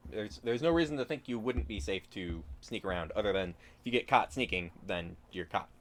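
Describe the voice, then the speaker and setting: A man's voice: fairly low pitch, lively intonation, brisk, a bit bright. A man acting as game master, improvising tabletop narration in a casual, hesitant, explanatory way.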